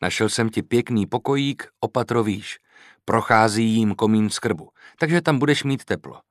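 A man's voice: fairly low pitch, lively intonation, dry recording, lightly acted. A man reading the lines of a commanding young nobleman in an audiobook, dry and ironic.

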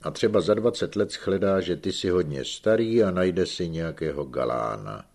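A shrewd old peasant uncle in an audiobook, gruff and teasing as he scolds his nephew, with a man reading him. The voice sits very deep and gravelly, with a husky grain. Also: expressive, darkish tone, full character voice. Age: older.

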